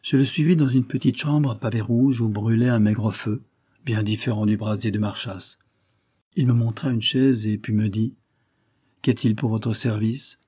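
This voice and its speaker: A man reading a classic story aloud in measured, expressive narration. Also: on the low side, breathy edge. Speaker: audiobook reader. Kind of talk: scripted narration of a classic tale.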